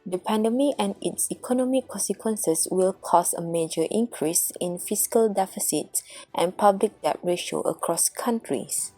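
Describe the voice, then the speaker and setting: A woman's voice: fairly low pitch, mellow, breathy edge, no room sound. A woman reading a scripted news report. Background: faint music.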